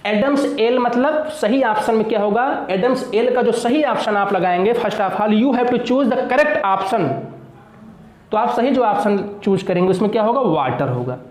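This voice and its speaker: High-voiced male teacher in an echoey room. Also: unhurried, a little mellow. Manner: asks and answers his own questions, repeats key words; addresses students as children. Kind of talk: exam-prep lecture.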